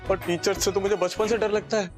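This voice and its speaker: A man's voice: sits high, little pitch movement, fast talker, lightly acted. An actor playing a timid young man who is terrified of teachers, stammering and pleading in panic. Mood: panicky. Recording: sitcom audio with loud background music.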